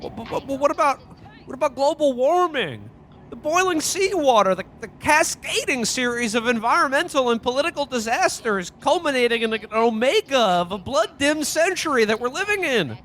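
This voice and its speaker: In a radio-play parody, a man performs a full character voice as a frantic, bewildered everyman in an alternate Christmas reality. He stammers and piles on old-fashioned folksy exclamations. The voice is very high and sing-song, fairly bright, at a normal speed.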